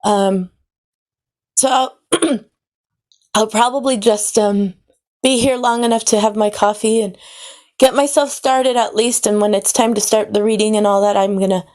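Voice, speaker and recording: A woman's voice: medium pitch, steady tone, normal speed, pauses often, darkish tone. A young adult woman chatting casually, hesitant and full of fillers as she says she will sit in and listen. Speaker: listener sitting in. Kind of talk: casual chat.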